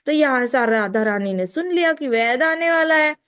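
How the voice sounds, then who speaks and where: A woman's voice: high-pitched, normal speed, fairly bright tone. A woman telling a devotional story vividly, repeating phrases and mixing in English words.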